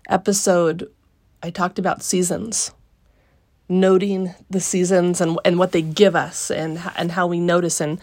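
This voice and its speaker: A woman with a slightly low voice speaks very slowly in a reflective podcast monologue. She pauses often mid-phrase as she muses. She is recording live inside a small cave. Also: a little mellow. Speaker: podcast host.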